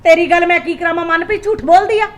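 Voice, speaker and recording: A woman's voice: very high-pitched, steady tone, quick pace. An actress playing an angry, protective middle-aged mother who scolds and accuses her husband. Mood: agitated. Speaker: mother of a married daughter. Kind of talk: Punjabi short film acting.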